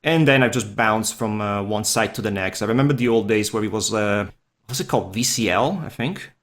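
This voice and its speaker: Fairly low-pitched and a bit bright, his voice moves fairly quickly. He's a Swiss Italian-accented man, Italian by first language and not a native English speaker, guesting on a podcast as a furry artist. His casual interview talk is relaxed, meandering and self-deprecating.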